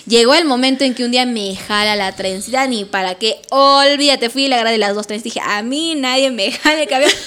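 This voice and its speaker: A woman's voice: on the high side, fairly quick, hardly any pauses. A woman, co-hosting a casual chat and telling school stories with frequent laughter. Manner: animated, laughs often while telling anecdotes.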